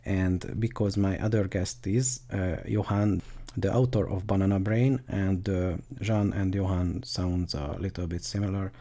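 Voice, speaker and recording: A man's voice: low voice, fairly even intonation, measured pace, dark tone. A man hosting a podcast interview, speaking with a hesitant manner and many fillers. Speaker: podcast host.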